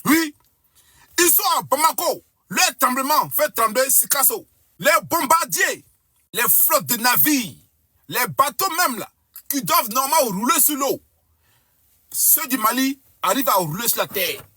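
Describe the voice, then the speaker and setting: Bright-voiced emphatic woman. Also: sits high, very animated, a little slow, husky, dry recording, clean studio sound. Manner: emphatic, boastful, hyperbolic. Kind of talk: fervent commentary to viewers.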